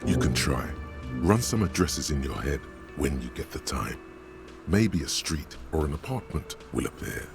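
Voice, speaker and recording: A video game's inner voice and narrator, a man with an extremely deep, gravelly voice. He speaks in a slow, measured, knowing way. Game music plays underneath. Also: expressive, exaggerated voice.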